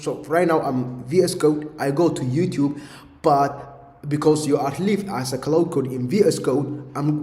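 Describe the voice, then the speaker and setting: A man with a fairly high-pitched, dark-toned voice streams a live coding session, rambling through instructions to an AI assistant with plenty of filler words. He builds AI automations on stream, and the echoey room adds a long reverb.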